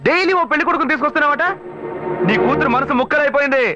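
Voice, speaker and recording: A man's voice: very high-pitched, very fast, music in the background. An actor playing a fearless young man in love who talks back boldly, in a dubbed film scene. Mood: defiant. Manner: bold, lecturing, confrontational. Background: film score.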